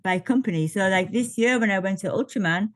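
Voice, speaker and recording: An ultra triathlete in her late fifties joins a podcast by video call for a casual interview chat, laughing frequently and using lots of fillers. She speaks fairly quickly in a medium pitch, and there's no room sound.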